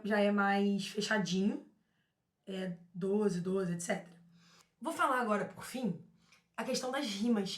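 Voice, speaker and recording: A woman teaching a lesson on poetic meter, often repeating words and restarting, and reading verses aloud slowly. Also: a little high. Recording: echoey room.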